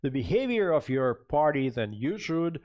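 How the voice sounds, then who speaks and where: A man's voice: on the high side, sing-song, normal speed, a little mellow. A sleep-deprived man, a game developer, explaining game mechanics step by step in a casual livestream, with joking asides.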